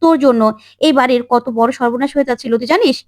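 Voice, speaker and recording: A woman's voice: high-pitched, fast, a little mellow, no room sound, clean studio sound, close to an everyday voice. Woman voicing a scornful young man. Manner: scornful, scolding.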